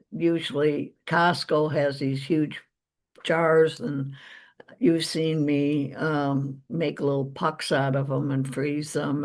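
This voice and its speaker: A woman's voice: low voice, darkish tone. A middle-aged woman with an American accent in a casual vlog-style chat, rambling along with small chuckles. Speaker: vlog host. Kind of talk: casual gardening chat to viewers.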